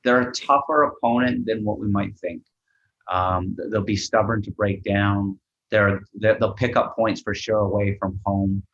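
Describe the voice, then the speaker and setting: A man co-hosting a soccer podcast, breaking down tactics in quick animated bursts. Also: fairly low pitch, highs cut off. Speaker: podcast co-host and soccer analyst. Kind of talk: casual sports podcast chat.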